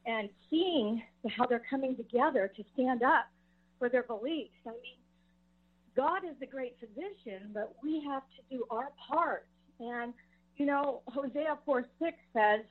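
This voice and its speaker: An older woman, a grandmother, calling in to a radio talk show over the phone, talking earnestly and rambling with frequent restarts. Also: a little high. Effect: heard over the phone. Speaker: caller. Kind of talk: call-in radio chat. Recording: tinny phone line.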